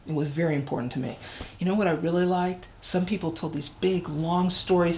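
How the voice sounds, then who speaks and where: A woman's voice: on the low side, a little mellow, a little hiss or hum. A woman hosting a DIY tips vlog, talking casually and directly to the viewer with emphatic, instructional delivery. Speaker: host of a DIY tool tips show.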